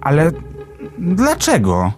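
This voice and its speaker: A man's voice: on the high side, wildly swooping pitch, unhurried, darkish tone, soft background music, voice pushed up. A man voicing a curious, naive young male sparrow in a storybook, asking eager, wondering questions. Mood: wide-eyed curious.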